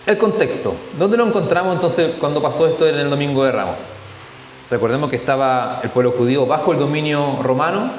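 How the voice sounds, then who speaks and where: A man with a Chilean Spanish accent leads a conversational Bible study in a church hall, often checking in with listeners through tag questions and slipping in jokes. His voice is fairly high and fairly quick, with lively intonation. The recording is muffled, with an echoey hall and faint hiss.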